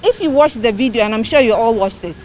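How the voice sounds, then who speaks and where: Emphatic Ghanaian woman, slightly high voice, background noise. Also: animated. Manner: emphatic, deliberate, point-by-point delivery. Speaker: political party spokesperson. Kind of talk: press briefing on a court case.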